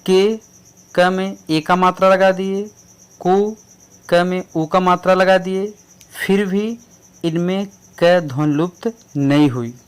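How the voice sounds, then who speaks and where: A man teaching English pronunciation, spelling out words letter by letter in a slow, deliberate way. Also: sits high, smooth. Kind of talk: explaining English pronunciation in Hindi.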